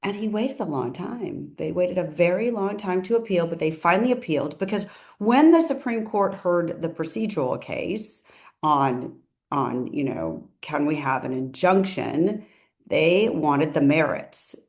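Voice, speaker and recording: A woman attorney with a somewhat low voice talks through legal news as relaxed commentary. She speaks chattily, correcting herself mid-sentence and adding asides as she goes. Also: a little slow.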